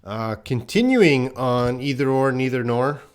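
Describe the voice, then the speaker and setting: Teaching English grammar in a live online class, a Canadian man takes his time, patiently explaining the rules and pausing to answer viewers' comments as they arrive. His medium-pitched voice is animated, with a clean tone.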